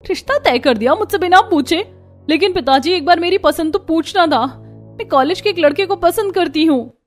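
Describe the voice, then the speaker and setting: A woman's voice: high-pitched, brisk, soft background music, lightly acted. A woman voicing a spirited, headstrong young daughter in a cartoon, eager and pleading. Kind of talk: cartoon voice acting.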